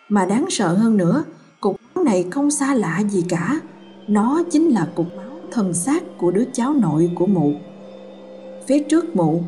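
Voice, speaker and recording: A woman telling a ghost story in a steady, dramatic way. Her voice is dark and mellow, with faint music playing under the narration. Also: mid-range voice. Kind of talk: scripted horror story narration.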